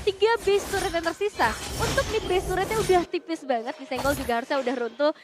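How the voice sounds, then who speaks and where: A woman with an Indonesian accent giving live commentary as an esports shoutcaster. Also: very high-pitched, fast talker. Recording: loud music behind the voice. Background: loud game music.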